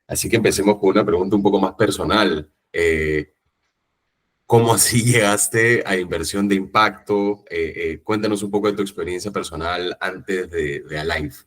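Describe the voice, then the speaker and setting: A man's voice: deep voice, moderate pace. A man hosting an interview, enthusiastic, with stumbling restarts. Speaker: podcast host.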